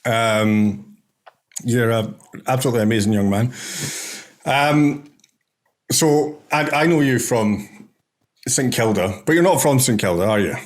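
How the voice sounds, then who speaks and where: A man's voice: mid-range voice, expressive, measured pace, pauses often. A man hosting a casual podcast, playful and teasing. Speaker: podcast host.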